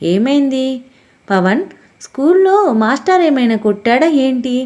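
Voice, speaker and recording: An anxious, gentle father coaxing his son to talk, voiced by a woman narrating a story. the voice stays high, with soft, questioning lines. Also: big pitch swings, measured pace. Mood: worried. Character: worried father, gentle man.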